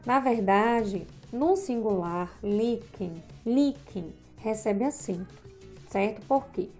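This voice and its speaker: A woman's voice: medium pitch, animated, takes it slowly, dark tone, faint music behind. A woman teacher explaining grammar rules from slides, often checking in with tag questions. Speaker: Portuguese teacher. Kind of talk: slide-based grammar lesson.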